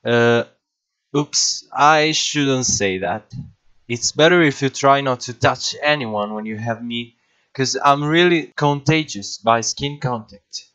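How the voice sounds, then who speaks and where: A man's voice: medium pitch, slow, a bit bright, smooth, rough recording. A cheeky cartoon virus, played by a man, introduces itself as the bad guy of an educational animation. It speaks in a mid-range male voice. The delivery is scripted and explanatory, talking directly to the listener. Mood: mock warning. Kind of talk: scripted first-person educational narration.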